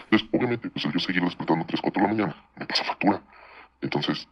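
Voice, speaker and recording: A man with a Mexican accent rattles through a personal story at a breakless clip, his voice very low and husky. The sound is dull and lo-fi. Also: lively intonation. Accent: Mexican Spanish. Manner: rapid, conversational, slips into voices for quoted people. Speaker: guest telling a personal story. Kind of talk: casual storytelling on a podcast.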